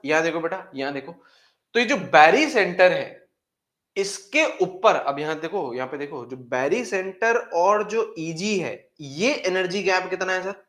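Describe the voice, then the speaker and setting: A male chemistry teacher with a slightly high, very animated voice that swoops up and down as he lectures. He keeps repeating key phrases and answering his own questions, and calls his students "beta". The sound is echoey, as if from a bare classroom. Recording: echoey room.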